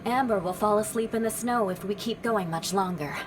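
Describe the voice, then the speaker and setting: A woman's voice: mid-range voice, brisk, noisy background, close to an everyday voice. A woman playing a composed, dutiful young noblewoman knight with a formal, commanding manner in a video game. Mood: decisive. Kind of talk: animated video game voice acting.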